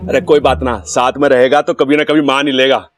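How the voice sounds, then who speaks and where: A man's voice: medium pitch, level tone, a little fast, natural voice. An actor playing a cheerful eldest brother who coaxes his younger brother in a playful way in a TV serial. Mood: coaxing. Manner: coaxing, playful. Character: cheerful scheming eldest brother, adult man. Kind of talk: TV serial acting. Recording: music playing behind.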